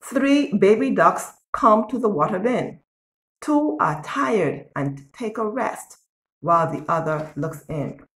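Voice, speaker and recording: Storytelling for young children, a woman in her sixties with a medium-pitched voice reads a picture book expressively and deliberately, pausing to ask questions. The echoey, bare-walled small room and a phone or tablet held at arm's length shape the recording.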